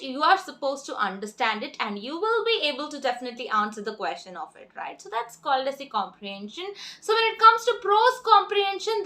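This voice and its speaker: A woman's voice: high voice, pushed and bright. A woman teaching a reading-comprehension lesson to children, explaining in short repeated phrases with frequent "okay" and "right". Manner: reads the story aloud slowly.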